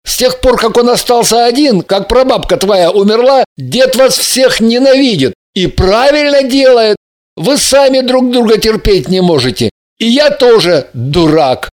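A woman's voice: on the high side, animated, unhurried, pitched above the performer's own voice. A woman voicing a brash, sardonic young man in an audiobook, blunt and mocking. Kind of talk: audiobook character voice.

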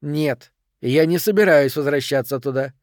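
A man putting on a sharp-tongued young woman. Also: fairly high pitch, moderate pace, dry recording, studio quality, close to an everyday voice. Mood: curt. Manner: biting, sarcastic.

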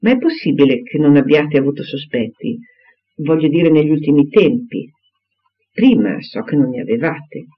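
An eager, charming young gentleman from a classic novel speaks with earnest warmth, as a man reads him aloud. The voice sits fairly high and moves up and down with lively inflection. The recording sounds dull and a little muffled. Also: moderate pace. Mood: effusive.

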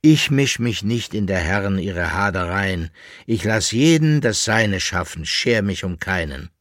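A man's voice: animated, a little slow, no room sound, studio quality. A brash, cheeky male servant, voiced by a man. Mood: mocking. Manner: shrill, loud and cheeky. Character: coarse, impudent, scolding male servant.

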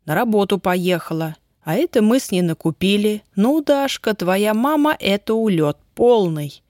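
A woman voicing a bold, boastful teenage boy who talks eagerly and excitedly. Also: medium pitch, normal speed, dry recording, clean studio sound, voice pushed up, lightly acted. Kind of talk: audiobook character reading.

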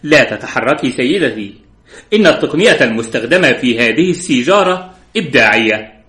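A man voicing a composed detective who speaks calmly and courteously, in a measured way. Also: mid-range voice. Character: calm, composed elderly male detective. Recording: roomy echo.

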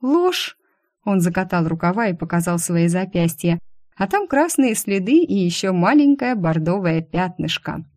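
A woman narrating a first-person audiobook in a wry, lively storytelling manner. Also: lowish voice, moderate pace, no room sound, clean studio sound.

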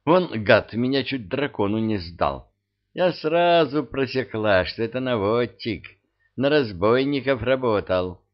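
Dude doing a sharp-tongued bossy young princess, curt and blunt, slow delivery, muffled audio. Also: male voice, mid-range voice, expressive, lightly acted. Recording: dull lo-fi audio.

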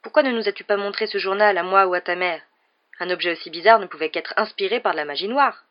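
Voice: medium pitch, fast, close to an everyday voice. Reader doing an upset dad telling his kid off, raised voice, muffled old audiobook sound. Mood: scolding. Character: upset, scolding middle-aged father wizard. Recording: dull lo-fi recording.

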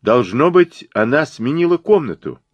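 A man's voice: deep voice, expressive, measured pace, no echo, muffled recording. A man voicing Poirot, a terse old detective. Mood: urgent. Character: fastidious elderly male detective, terse and commanding.

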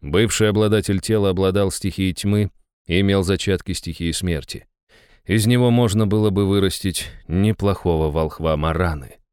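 A man narrating a first-person fantasy audiobook in an even, measured way, close to the mic. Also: sits low, smooth, dry recording.

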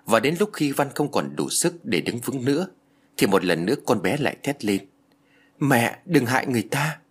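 A man narrating a ghost story with a dramatic, expressive reading. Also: mid-range voice, normal speed, slightly rough.

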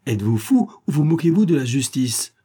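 A man's voice: mid-range voice, expressive, moderate pace, husky. Man doing a blustering angry police chief. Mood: exasperated. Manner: blustering, angry, shouting questions. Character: exasperated middle-aged male police chief. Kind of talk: audiobook character voice.

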